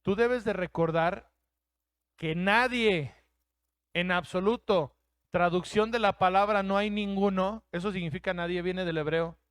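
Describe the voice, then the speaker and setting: This Mexican-accented pastor gives a forceful sermon, voicing each person he quotes in character. He has a high, smooth, resonant voice that stays steady and slightly bright at a measured pace, and the recording is close and dry.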